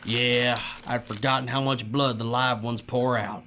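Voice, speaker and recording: Here a man of medium pitch speaks at a measured pace in a natural voice, portraying a cruel bully boss with a leer in a dystopian audio drama. He gloats and gives orders in a taunting drawl full of folksy, uneducated grammar, over muffled sound with a steady mains hum.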